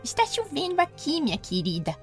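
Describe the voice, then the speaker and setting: A woman's voice: high-pitched, huge pitch swings, fairly quick, soft background music, pitched above the performer's own voice, heavily acted. A woman voicing a wicked queen disguised as an old apple-selling woman in a children's storybook reading, with a wheedling, sweetly sinister manner.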